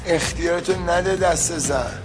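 Actor as a bossy high-voiced gym regular. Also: male voice, close to an everyday voice. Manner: bossy, know-it-all advice. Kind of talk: film drama acting. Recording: film soundtrack with music.

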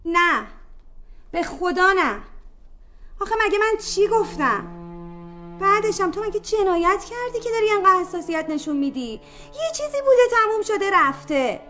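A chatty young woman with a very high voice, speaking quickly and with emphasis in feature-film dialogue. Faint film music plays under her lines. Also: animated, sharp tone, full character voice. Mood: irritated. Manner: quick, emphatic, pleading when scolded. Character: chatty young woman, excitable then defensive. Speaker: film character on a phone call. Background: film score music.

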